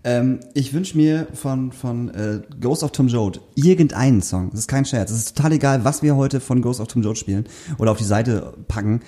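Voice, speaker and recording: A man's voice: mid-range voice, normal speed, few pauses, warm tone. A man co-hosting a podcast, chatting casually in an enthusiastic and insistent way. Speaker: podcast co-host. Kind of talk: casual chat.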